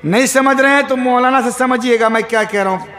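A male Islamic preacher, giving a humorous sermon at a gathering, quizzing the crowd and bursting into shouts. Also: extremely high pitch, brisk. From Bihar, India.

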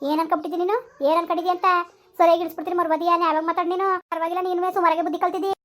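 Shrill high woman yelling insults in a village skit, talks crazy fast. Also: flat delivery. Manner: scolding, cursing, repetitive rants. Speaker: angry mother and wife in a skit. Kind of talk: village comedy skit acting.

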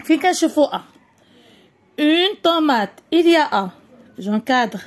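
A woman with a Moroccan accent teaching a primary school French lesson, reading words slowly and deliberately, then explaining quickly. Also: sits high, animated.

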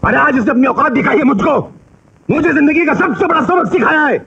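A man's voice: very high voice, lively intonation, a little fast, creaky, pushed and bright, full character voice. An actor playing a stern father who angrily throws his son out, in a thundering, scornful tirade from a 1990s film melodrama. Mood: enraged. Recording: dull lo-fi film soundtrack.

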